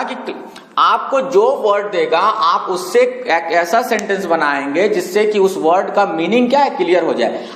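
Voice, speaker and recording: An English teacher with a high-pitched, slightly bright voice explains homophones in a classroom-style lesson, spelling words letter by letter and reading example sentences slowly. He keeps checking understanding with "clear?" and "okay?", and the echoey room gives a long reverb.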